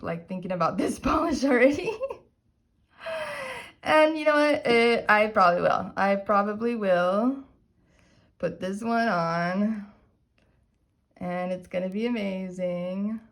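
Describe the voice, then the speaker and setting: A woman talks at an unhurried, drawn-out pace in a casual haul-video chat. She gushes with excitement, jokes about being a dork, and now and then sinks into soft murmurs while showing her polishes. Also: mid-range voice. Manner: gushing, chatty, calls herself dorky. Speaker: nail polish vlogger.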